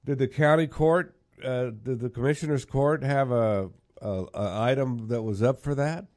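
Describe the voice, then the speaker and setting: A man's voice: mid-range voice, moderate pace, darkish tone. Rambling older male talk host. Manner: rambling, restarts often, wry and sarcastic. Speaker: live-stream talk host. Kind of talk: casual talk radio chat.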